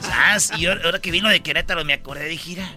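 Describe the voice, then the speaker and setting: A man's voice: on the high side, very fast, pushed and bright, faint music behind. A man with a Mexican accent hosting a comedic talk show, joking in casual slang. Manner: joking, slangy, with mock-quoted voices. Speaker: show host.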